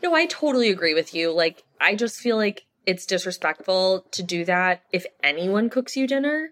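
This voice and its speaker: Lively-pitched woman chatting on a podcast. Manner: agreeable, quick backchannels, emphatic asides. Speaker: podcast co-host. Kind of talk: casual chat recapping a TV episode.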